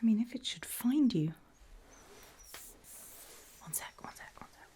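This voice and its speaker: A British woman whispers a creepy ASMR roleplay in which she is a calm, reassuring gravedigger. Her hushed, matter-of-fact voice is a little high and broken by long pauses.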